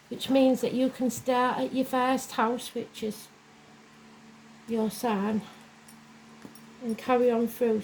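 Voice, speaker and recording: A woman talks over the faint noise of a fan as she gives a casual horoscope reading. Her voice sits a little high and often turns gravelly with fry. She rambles in a plain-spoken, self-deprecating way. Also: darkish tone, poor audio. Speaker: tarot and astrology reader, host of a weekly zodiac reading. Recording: clear fan noise behind the voice. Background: whirring fan.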